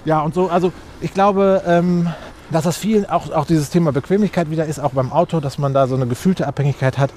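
A man's voice: a little high, fairly quick, darkish tone, slight background noise. A man, answering interview questions outdoors with many fillers and restarts. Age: 40s. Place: outdoors on a street.

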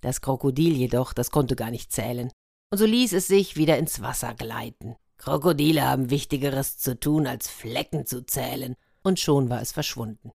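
A woman's voice: extremely low pitch, moderate pace, vocal fry, husky, dry recording, clean studio sound. Fields: woman reading a storybook aloud. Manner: expressive, lively narration.

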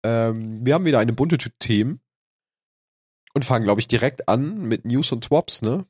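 A man's voice: mid-range voice, lively intonation, moderate pace, darkish tone, breathy edge, no echo, clean studio sound. A man with a snotty cold and a stuffy, nasal voice, casually hosting a podcast. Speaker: podcast host.

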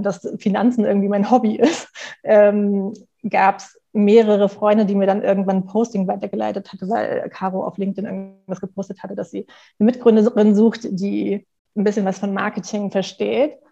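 Reflective and candid, this interview guest, a company co-founder in her thirties, thinks aloud during casual conversation. She speaks at a normal speed with a flat delivery in a creaky, warm, mid-range voice, and the recording has its highs cut off.

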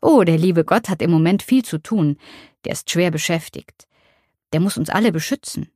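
A woman reading the part of a frail, childlike elderly mother in a care home, speaking softly and simply. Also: on the low side, normal speed, no echo, studio quality, close to an everyday voice. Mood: playful. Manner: soft, quiet and simple.

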